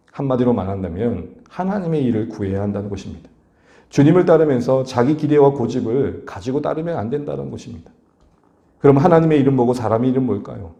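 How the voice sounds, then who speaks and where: A pastor with a mellow, mid-range voice preaches an animated sermon in an echoey church sanctuary, posing rhetorical questions to the congregation.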